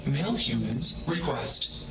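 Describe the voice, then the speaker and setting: An emotionless machine mind. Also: male voice, medium pitch, sing-song, takes it slowly. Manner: emotionless, mechanical, announces each statement type. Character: emotionless artificial intelligence speaking in clipped labels. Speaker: game character. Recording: echoey game audio over loud music.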